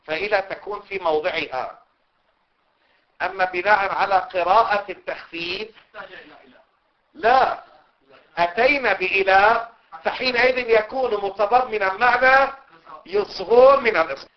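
Man teaching a text lesson, repeating points. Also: sits high. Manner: repeats points and checks understanding. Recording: dull lo-fi recording.

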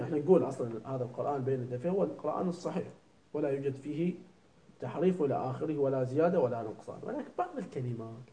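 A man teaching a religious jurisprudence lesson, often stopping to ask his students whether it is clear and to quiz them. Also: medium pitch, warm tone, rough recording. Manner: keeps asking students "clear?" and quizzing them.

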